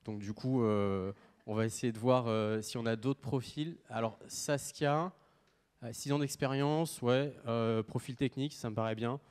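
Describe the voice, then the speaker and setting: On stage for a live product demo, this man in his thirties pitches his startup with casual jokes and frequent fillers. He has a smooth, steady, mid-range voice with a darkish tone and a slightly slow delivery.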